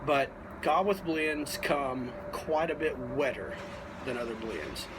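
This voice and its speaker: A man giving a casual video review as a pipe tobacco reviewer, talking in a folksy, unhurried way with pauses as he explains. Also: medium pitch, expressive, background noise.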